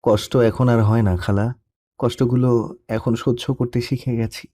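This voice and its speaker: A young man narrating a first-person love story in a soft, melancholy storytelling manner. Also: medium pitch, level tone, measured pace. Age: young adult.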